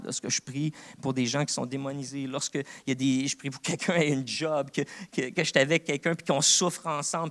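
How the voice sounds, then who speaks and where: A man with a Québécois French accent, preaching a sermon as co-pastor in an earnest, conversational way. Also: fairly high pitch. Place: church.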